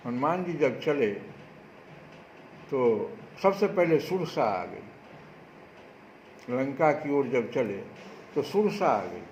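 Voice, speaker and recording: A man's voice: medium pitch, animated, slow pace, long pauses, darkish tone, reverberant. A man giving a devotional discourse as a spiritual speaker, preaching with rhetorical questions. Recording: dull lo-fi recording with faint noise.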